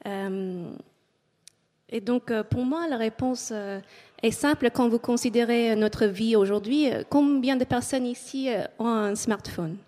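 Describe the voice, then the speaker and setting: Speaking French with an English Canadian accent, this woman gives a talk from notes to an audience in an auditorium, often hesitating with fillers. Her fairly high voice is mellow and unhurried, and the hall adds a long reverb.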